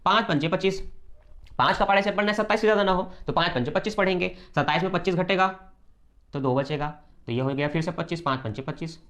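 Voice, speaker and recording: A man teaching a math lesson step by step, brisk and repetitive, often checking that students follow. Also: high voice, fairly bright tone.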